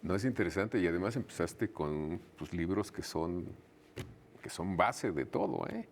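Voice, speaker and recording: A man's voice: deep voice, expressive, a little slow, a little hiss or hum. A man hosting a televised conversation, asking questions and affirming with short replies. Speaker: TV interview host. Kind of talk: conversational interview.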